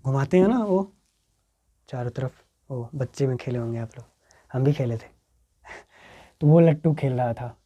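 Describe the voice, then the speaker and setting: A male teacher with a Bihari accent explains a story to board exam students, acting out its quoted lines, his voice swinging between loud and soft. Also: medium pitch, measured pace, pauses often, lo-fi sound.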